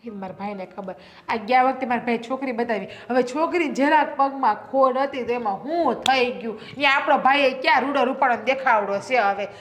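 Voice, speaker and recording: A woman's voice: high voice, fairly bright tone. An actress in her thirties with a Gujarati accent, playing a suspicious, needling young wife in a family drama. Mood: taunting. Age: 30s. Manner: needling, quick to taunt. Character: sharp-tongued suspicious young wife, woman.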